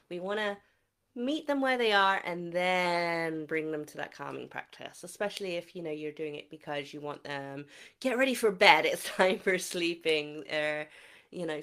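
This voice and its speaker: A woman in her thirties, a kids' yoga teacher and parent, explaining calming practices to parents in a casual, animated way, often checking in with "right?". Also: lowish voice, smooth. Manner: animated, dramatic acting-out of examples, frequent "right?". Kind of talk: casual instructional talk to parents.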